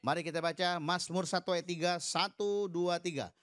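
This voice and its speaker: A man's voice: high voice, normal speed. A middle-aged male pastor preaching a sermon, leading the congregation in response and telling humorous stories. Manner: lively storytelling with humorous asides to the congregation; leads the congregation in call-and-response.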